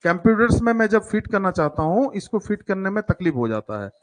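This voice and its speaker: A man with a high, sing-song voice talks fairly quickly while teaching children math in a live online class. A coaching teacher for school entrance exams, he coaxes and teases his pupils and mixes English terms into his speech.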